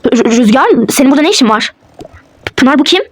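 Frantic young husband played by a woman in a toy role-play: high, racing delivery, disbelieving questions. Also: animated, fast. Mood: distraught.

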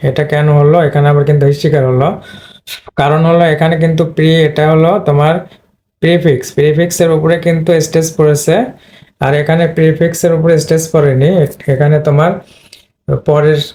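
Male pronunciation tutor, flat delivery, mellow tone, drills words repeatedly. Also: a little high. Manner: repetitive, drills words over and over. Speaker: English pronunciation teacher. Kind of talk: online lesson explaining word stress.

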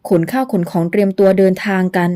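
A brisk young nobleman in an audio novel, curt, impatient and scolding, voiced by a woman reader. His voice stays mellow and even. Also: medium pitch, natural voice.

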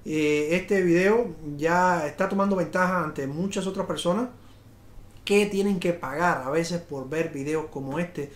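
A middle-aged man with a high-pitched voice talks through money tips as a live video host. He rambles, restarts his sentences and pushes an eager sales pitch. The room around him sounds echoey. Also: fairly even intonation, unhurried. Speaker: realtor and show host. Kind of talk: live video talk on home finance. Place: studio in front of a slide screen.

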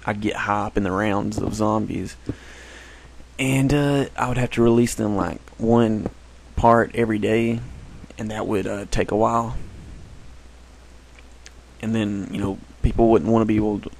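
A man chats casually over his gameplay, rambling and often fixing his own slips. His voice sits a bit low and has a gravelly texture. A faint hiss stays in the background. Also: steady tone, normal speed, darkish tone, low-quality recording. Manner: rambling, self-correcting. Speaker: gameplay commentator.

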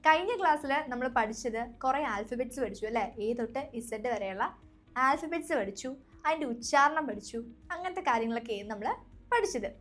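A woman's voice: fairly high pitch, animated, fairly quick, a bit bright. A young woman with a Malayali accent teaching an English lesson, patiently repeating each sound and quizzing her listeners. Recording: faint background music.

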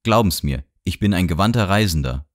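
A man voicing a talkative middle-aged gentleman on a train who rambles and lectures cheerfully. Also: deep voice, expressive, a little fast. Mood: boastful. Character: chatty middle-aged gentleman traveler, boastful and nosy. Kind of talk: audiobook character voice. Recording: dry studio sound.

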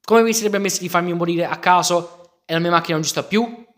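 A young man, giving excitable, casual commentary on a Minecraft game and talking straight to his viewers. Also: high-pitched, fairly quick. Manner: excitable, exclaiming, talks to viewers as "raga". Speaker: gaming youtuber.

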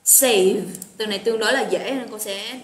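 Speaking at normal speed in a slightly high voice, a woman teaches English vocabulary online. She chats warmly, encourages her students and greets them by name, and the sound has a roomy echo with faint noise.

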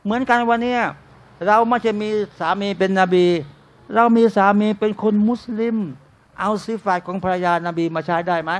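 A man's voice: high-pitched, normal speed, smooth. A man giving an informal religious sermon to a live audience. He keeps calling out to his listeners as brothers and sisters, asks them questions, and jokes in a chatty way. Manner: jokey and conversational, acts out short everyday scenes. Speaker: Islamic religious teacher. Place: restaurant used as a talk venue.

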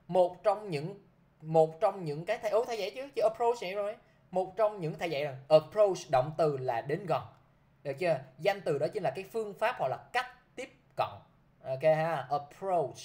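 A man's voice: a little high, a little mellow. A man teaching English vocabulary to a class, who keeps checking with his students by repeating a short prompt.

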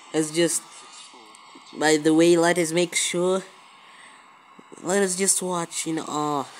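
A woman video creator gives casual gameplay commentary in a mid-range voice, often repeating words and phrases. She's recorded on a handheld phone filming a screen, so the amateur, low-quality audio carries faint background noise.

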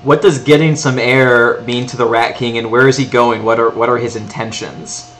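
A man running a tabletop game as game master, talking in a relaxed, hesitant way. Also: mid-range voice, moderate pace, a little hiss or hum.

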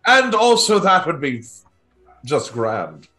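A man in casual, improvised tabletop role-play, speaking in a hesitant, halting way. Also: fairly high pitch, big pitch swings, bright, forceful tone, soft background music. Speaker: tabletop game player.

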